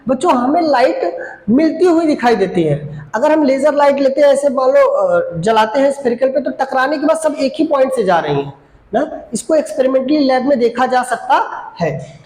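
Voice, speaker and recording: Woman physics teacher, bright high voice, repetitive drilling delivery, echoey room with faint background noise. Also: animated, normal speed. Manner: repeats key terms, asks and answers own questions; stretches out English definitions word by word. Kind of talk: classroom lesson at a board.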